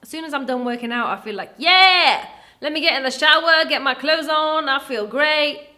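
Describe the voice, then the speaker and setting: A young Welsh woman vlogger chats casually through a Q&A, her voice sitting high at a normal speed. She's animated and chatty, acting out voices in her stories.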